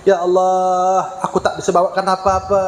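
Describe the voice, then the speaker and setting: A man voicing a gentle, soft-spoken holy man comforting a sick neighbor. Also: high-pitched, completely flat delivery, voice pushed down, lightly acted. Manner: soft, humble, slow. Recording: echoey hall with long reverb.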